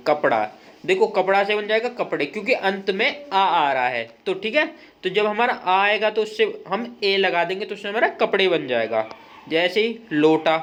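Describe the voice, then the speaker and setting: A man's voice: high-pitched, a bit bright. Patient, repetitive male grammar teacher. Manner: patient and repetitive, checks in with "ठीक है"; talks straight to the viewer, pointing things out. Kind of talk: explaining grammar in a recorded lesson.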